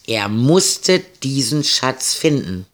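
A man's voice: medium pitch, sing-song, takes it slowly, fairly bright tone. A man narrating a pirate story for children, speaking to young listeners directly.

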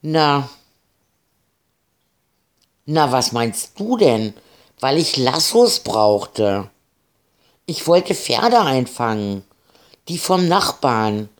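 A man's voice: mid-range voice, sing-song, very slow, pauses often. A man voicing a playful, scheming young farm woman who coaxes and sulks. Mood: defensive. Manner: wheedling, easily hurt.

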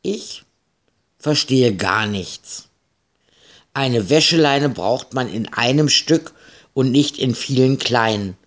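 A man's voice: medium pitch, lively intonation, slow pace, a bit bright. A man voicing a stern, impatient farm woman who scolds in a grumpy tone. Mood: annoyed.

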